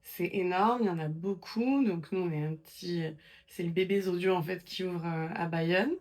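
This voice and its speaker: Femme bavarde à la voix un peu grave. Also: female voice, fairly low pitch, normal speed, a little mellow. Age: 20s. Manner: chatty storytelling, many fillers and restarts. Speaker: guest. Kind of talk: casual interview chat.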